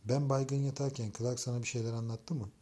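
A man's voice: medium pitch, level tone, a little fast, mellow, lightly acted. A man voicing a spirited, headstrong young wife who protests and pleads in an audiobook. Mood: protesting.

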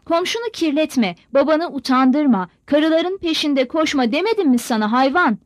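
Woman doing old cossack father, roaring and cursing, storybook reading, lively voice. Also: sits high, brisk, dry recording, studio quality. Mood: raging. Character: raging old limping male Cossack father.

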